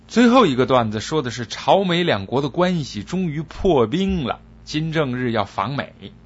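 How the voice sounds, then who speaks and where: A man telling jokes in a chatty, expressive storytelling style. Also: medium pitch, husky, dull audio. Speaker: joke teller, show host. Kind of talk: comic storytelling.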